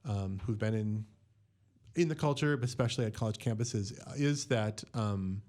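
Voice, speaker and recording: Deep-voiced measured male podcast host. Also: a little mellow. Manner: measured, deliberate, builds long questions. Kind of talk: interview questions.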